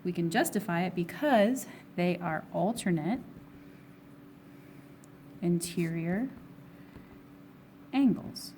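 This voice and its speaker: Woman math teacher going hoarse, walks thru each step, asks then answers her own questions, bit of hiss. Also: lowish voice, expressive, slow, pauses often, mellow. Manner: steps through problems, asking and answering her own questions. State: hoarse, losing her voice, with coughs. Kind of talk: recorded test review lesson.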